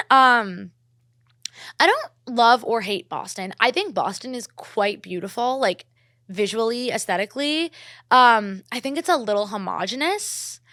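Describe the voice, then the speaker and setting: A woman's voice: mid-range voice, a bit bright, no echo, clean studio sound. A young woman from New Jersey hosting her podcast solo, chatting casually and gushing about music and celebrities, with lots of fillers and swearing. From New Jersey, USA. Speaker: podcast host.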